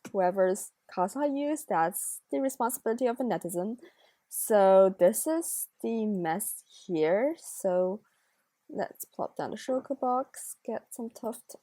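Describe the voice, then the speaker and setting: A woman's voice: on the high side, darkish tone, dry recording. A young woman whose first language is Chinese, chatting casually as she builds in a game, thinking aloud and correcting herself. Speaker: Minecraft builder and narrator. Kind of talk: casual gameplay commentary.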